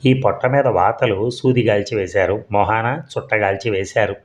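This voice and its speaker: A man reading the lines of a brash, boastful little schoolboy who talks loudly and cockily. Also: fairly low pitch, fairly even intonation, moderate pace, lightly acted. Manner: loud, cocky. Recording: dull lo-fi audio.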